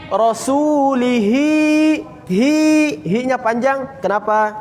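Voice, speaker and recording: A man teaching a Quran recitation lesson, drilling students with repeated questions and slowly chanting example words. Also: very high-pitched, long reverb tail, a little hiss or hum. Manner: occasional coughs, casual. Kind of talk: classroom tajwid lesson.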